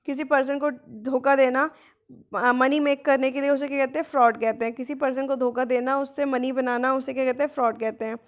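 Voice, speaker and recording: A woman teacher giving an online vocabulary lesson, mixing Hindi and English, posing questions and answering them herself, and reading English definitions slowly. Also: sits high, steady tone, dull audio. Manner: explains in Hindi mixed with English, asks and answers own questions. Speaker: exam-prep teacher.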